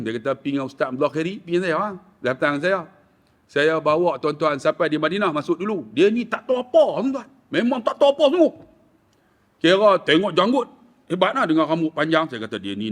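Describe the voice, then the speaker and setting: A man with a Kedah Malay accent giving a mosque lecture, telling a story in an animated way and acting out the people in it. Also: in a large hall. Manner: animated, acts out quoted voices, sudden rises in pitch. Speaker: preacher.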